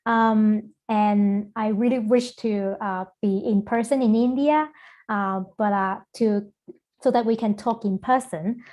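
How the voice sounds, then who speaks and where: A middle-aged woman from Hong Kong, a guest lecturer, giving an online lecture over a video call in a measured way with frequent fillers. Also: medium pitch, steady tone, highs cut off.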